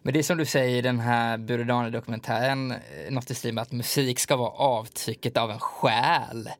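A man's voice: medium pitch, fairly even intonation, dry recording. A man interviewing a guest, asking in a thoughtful, searching way. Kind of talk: casual interview.

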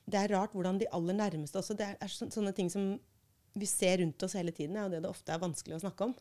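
A woman reading a book passage aloud and talking it through in a measured, thoughtful way as a podcast host. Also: medium pitch, steady tone, mellow.

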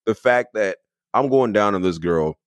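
A man's voice: fairly low pitch, expressive, moderate pace, no room sound. A man who is a podcast guest, telling raunchy stories in casual chat, laughing often and swearing freely.

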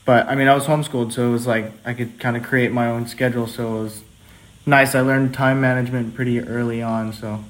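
A man's voice: medium pitch, little pitch movement, a little fast. A young man from Hawaii in his twenties, chatting easily as a podcast guest with lots of fillers. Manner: easygoing, lots of "like" and "um". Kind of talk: casual chat.

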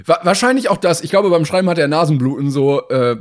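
A man's voice: a little high, lively intonation, fast talker. A man co-hosting a podcast, chatting casually with playful, jokey banter. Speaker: podcast co-host. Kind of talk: casual chat.

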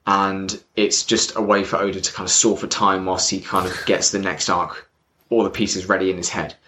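In a casual podcast chat, a co-host who loves manga walks a newcomer through things, adding wry humour. He speaks with a low-sitting, bright, forceful voice, delivered flatly at a moderate pace. It's recorded on a built-in mic with slight background noise.

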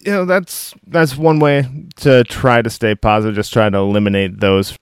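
A man's voice: mid-range voice, fairly even intonation, normal speed, clean tone, dry recording, clean studio sound. A man hosting a casual interview, easygoing and agreeable as he chats with his guest. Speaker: interview host.

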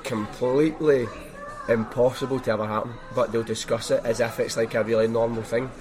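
In casual anecdotal chat, a podcast host with a thick Glaswegian Scottish accent spins colloquial stories and shares his own views. He has a mid-range voice with fairly even intonation and speaks a little fast.

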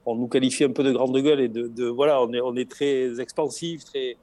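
A man's voice: mid-range voice, steady tone, brisk, dark tone, dry recording. Middle-aged man, southern French accent, expansive interview guest, dry close sound. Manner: expansive, lots of restarts and repeated words. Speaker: guest, former race logistics organizer. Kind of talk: casual interview chat.

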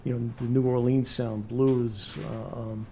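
A man's voice: mid-range voice, flat delivery, measured pace, warm tone, a little hiss or hum. A man in his sixties hosting a casual interview, chatty and rambling with many fillers. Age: 60s. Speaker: interview host.

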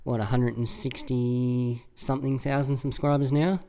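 A man's voice: medium pitch, level tone, moderate pace, mellow. A man hosting a podcast and interviewing his guest in an easygoing, chatty way. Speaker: podcast host. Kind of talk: casual interview.

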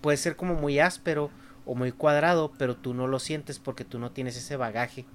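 A man's voice: mid-range voice, steady tone, moderate pace, a little hiss or hum. A man chatting on a podcast, explaining his point of view in a reflective way. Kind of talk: casual chat.

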